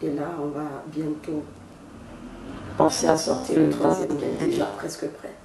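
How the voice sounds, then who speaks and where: Over a noisy crowd, a woman's low, gravelly voice carries a level tone and reverberates. She is a gospel singer from Côte d'Ivoire, speaking slowly and solemnly as she gives a devotional testimony during an interview at her home.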